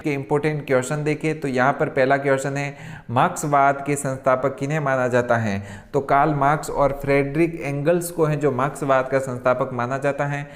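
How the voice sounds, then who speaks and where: A male tutor with a slightly high voice runs through an exam revision lecture. He reads out each question and then answers it. A stock filler phrase keeps cropping up in the middle of his sentences. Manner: keeps slipping in the filler 'hai jo aapke'.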